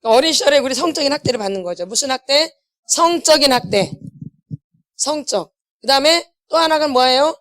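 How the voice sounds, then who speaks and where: A woman's voice: high-pitched, quick pace, a bit bright, no echo, studio quality. A middle-aged woman, a pastor's wife, giving a church healing lecture, asking her listeners questions and repeating the key words back to them. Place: church hall.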